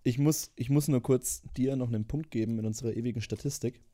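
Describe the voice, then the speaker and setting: A man's voice: mid-range voice, fairly even intonation, quick pace, mellow. A man co-hosting a podcast in casual chat, answering in dry, laconic short replies. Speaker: podcast co-host.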